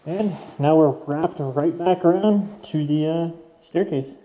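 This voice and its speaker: A young Canadian urban explorer walks slowly through an abandoned mansion basement, his warm, somewhat high voice captured on lo-fi audio. He keeps the commentary casual and chatty, talking to viewers he calls "guys," and the bare rooms make everything echo.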